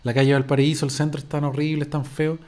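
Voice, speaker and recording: A man's voice: a little high, little pitch movement, quick pace, a little mellow. A middle-aged Chilean man with a Chilean accent, chatting casually on his podcast, rambling and slangy with frequent restarts. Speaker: podcast host. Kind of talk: casual chat answering listener questions.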